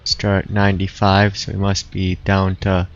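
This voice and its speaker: A streamer with a lowish voice chats casually over his gameplay at a normal speed, relaxed and musing, often circling back to restart his thoughts. The audio is dull and lo-fi, like a modest home mic.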